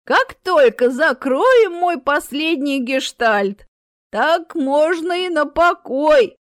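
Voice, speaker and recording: A woman voicing a stubborn, sharp-tongued old lady who draws her words out slowly. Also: high voice, animated, no room sound, studio quality, pitched above the performer's own voice. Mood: picky.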